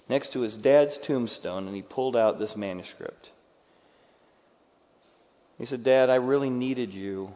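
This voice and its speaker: This pastor's voice sits at medium pitch as he preaches in a large, reverberant room, his lines fading into a long echo. Acting out quoted figures, he alternates between booming and whispered delivery. The sound quality is dull and muffled.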